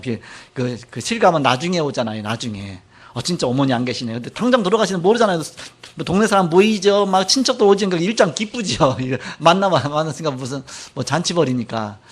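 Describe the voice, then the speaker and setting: A middle-aged man preaches from the pulpit with a somewhat high voice. He tells stories, leans hard on key words, then drops to quiet asides. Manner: storytelling, shifts between loud emphasis and quiet asides. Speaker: pastor. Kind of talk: sermon.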